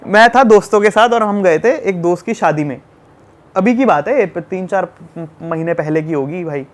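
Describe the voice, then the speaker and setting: A man from Delhi, a travel vlogger, telling a road-trip fight story in an animated, casual way. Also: high-pitched, moderate pace. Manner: animated, acts out shouting in the retelling. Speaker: travel youtuber guest.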